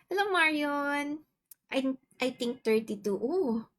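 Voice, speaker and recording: A Filipino woman in her forties with a Filipino accent, chatting casually on a livestream and greeting viewers; her voice is soft and quiet, her throat a bit sore. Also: sits high, lively intonation, slow. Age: 40s. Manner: chatty, mixes Tagalog and English, greets viewers by name. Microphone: earphones with mic.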